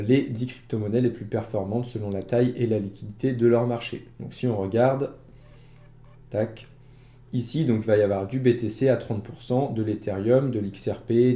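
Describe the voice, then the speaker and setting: Guy rambling thru his crypto app, lots of euh, dark mellow voice, echoey room. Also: mid-range voice. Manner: chatty, many fillers, addresses viewer directly. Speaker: investing YouTuber. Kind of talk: casual screen-share walkthrough.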